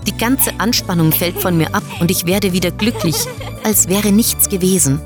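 Deep-voiced woman reading a story. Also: moderate pace, over music. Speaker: story reader. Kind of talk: scripted first-person story narration.

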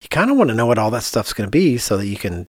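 A medium-pitched man, very animated and rapid-fire, co-hosts a podcast as an architect, explaining things casually and often thinking aloud. His voice is a little mellow, and the studio sound is clean with no echo.

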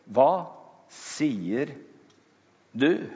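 A man voicing an indignant male temple priest who shouts a demand, heard with dull sound in a long-echo hall. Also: mid-range voice, very animated, lightly acted. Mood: accusing.

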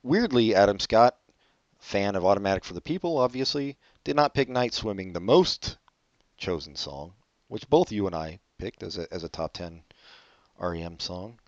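A man's voice: lively intonation, normal speed, no room sound, muffled recording. A man co-hosting a podcast, chatting loosely about music and rambling as he talks. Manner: loose, rambling, jumps up and drops off in pitch and volume. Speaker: podcast co-host. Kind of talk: casual chat about music.

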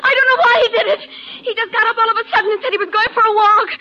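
A woman voicing a scheming young wife in a 1940s radio drama, hushing her plots and feigning tears. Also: sits high, expressive, moderate pace, heavy background noise. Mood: tearful. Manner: breathy hushed plotting, tearful when acting. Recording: lo-fi old radio recording.

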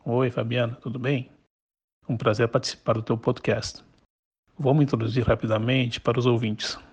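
A man's voice: mid-range voice, level tone, moderate pace, slightly rough. A man from Brazil with a Brazilian Portuguese accent, speaking in an orderly, explanatory way in a prepared voice message. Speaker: guest sending a voice message.

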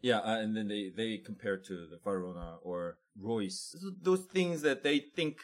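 Korean-accented man, halting interview answers. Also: lowish voice, lively intonation. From South Korea. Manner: halting, searching for words. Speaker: chocolate shop owner, guest.

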